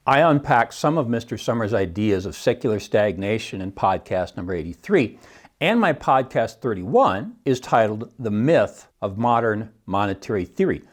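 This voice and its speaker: A man's voice: on the low side, big pitch swings, normal speed. A middle-aged man hosting a solo podcast, wry and scoffing, often laughing at his own points. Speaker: podcast host and economics teacher.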